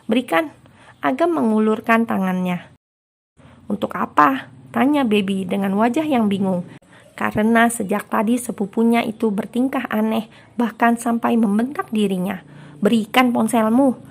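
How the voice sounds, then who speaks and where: A young adult woman, a storyteller, reading a romance audio story aloud with steady, even narration. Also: on the high side, moderate pace, creaky. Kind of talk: scripted narration.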